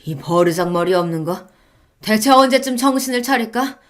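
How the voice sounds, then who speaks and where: A woman's voice: mid-range voice, expressive, moderate pace, close to an everyday voice. A woman voicing a stern older father-in-law who scolds harshly. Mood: scolding.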